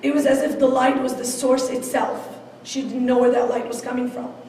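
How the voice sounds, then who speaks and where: High-voiced woman telling a story in an echoey hall. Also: little pitch movement, moderate pace, dark tone, recorded from a distance, a little hiss or hum. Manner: vivid storyteller who acts out quoted speech. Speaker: presenter. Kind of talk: storytelling talk.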